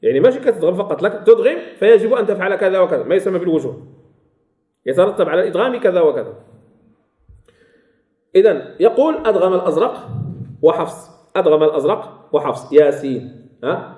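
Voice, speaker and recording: High-voiced Moroccan teacher in an echoey room. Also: male voice, expressive, fast talker, long pauses, mellow. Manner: repeats key phrases and quizzes listeners. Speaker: Quran recitation teacher. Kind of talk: classroom lesson on recitation rules.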